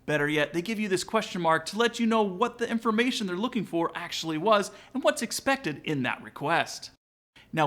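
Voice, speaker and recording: A male student pilot hosts an aviation vlog, narrating an upbeat scripted tutorial that includes a sponsor read. His slightly high voice has very lively intonation, and he speaks casually and directly to viewers.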